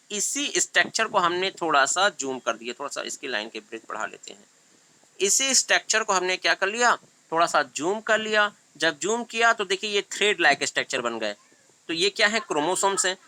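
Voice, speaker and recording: A man's voice: sits high, sharp tone, no room sound. A man teaching biology in an online lecture, mixing English terms into his explanations and asking questions he answers himself. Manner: asks questions and answers them himself, often says "thik hai"; mixes English terms into Hindi.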